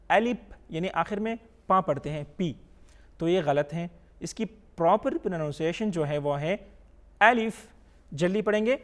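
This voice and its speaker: On a TV Quran reading lesson, a man with a high voice and a Pakistani accent drills each letter patiently. His recitation is slow and drawn out, and his explanations include English words.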